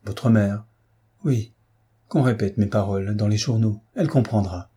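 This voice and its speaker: A man reading an audiobook voices a young condemned prisoner who pleads in a breaking, high voice. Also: normal speed, warm tone, breathy edge. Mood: resigned soft.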